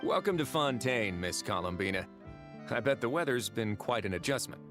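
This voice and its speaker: An actor playing a composed, authoritative warden in a video game, dry, wry and understated. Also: male voice, mid-range voice, lively intonation, moderate pace, natural voice. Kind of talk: video game character dialogue. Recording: loud music under the dialogue.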